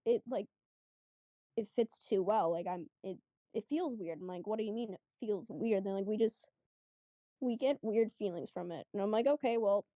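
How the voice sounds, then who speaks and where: Chatty woman with a dark, mellow voice. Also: mid-range voice, moderate pace, dry recording. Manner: chatty, lots of fillers, acts out quotes. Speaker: guest. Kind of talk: casual storytelling.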